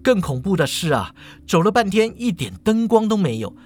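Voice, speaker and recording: A man with a Taiwanese Mandarin accent telling a ghost story in a lively way, drawing out the particles. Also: high voice, moderate pace. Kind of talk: spoken storytelling.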